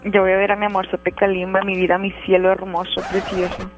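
A woman joins a radio chat with gushing remarks and quick comebacks. Her voice sits at a middle pitch. Faint music plays behind her. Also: monotone. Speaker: radio show co-worker.

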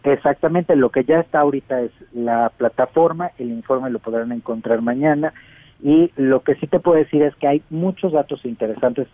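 A man's voice: medium pitch, normal speed, no room sound. A man with a Mexican accent, an expert guest giving analysis in a news interview. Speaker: expert guest, director of a civic observatory. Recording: dull, dry phone-like radio link.

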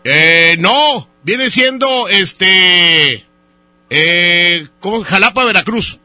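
A male radio host runs a prank call, playing a hesitant customer who stumbles through fillers before slipping in teasing jokes. His voice sits high and sounds very bright and cutting. The sound is dry and close, with a little music under it. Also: lively intonation, extremely slow, dry recording. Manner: teasing and joking.

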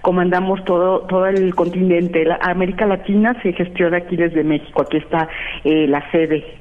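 A woman's voice: fairly low pitch, steady tone, moderate pace. A woman from Mexico, a guest institute director, speaking in a radio interview by phone with many fillers. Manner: affirming, talks with many fillers. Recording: phone line.

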